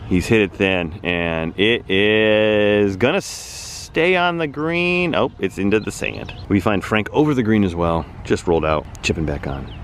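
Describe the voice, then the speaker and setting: A man's voice: lowish voice, animated, a little slow, few pauses, slight background noise. A man on a golf course doing playful, teasing commentary on his friends' shots in the style of a TV golf announcer. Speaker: golf buddy and guest. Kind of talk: mock broadcast golf commentary.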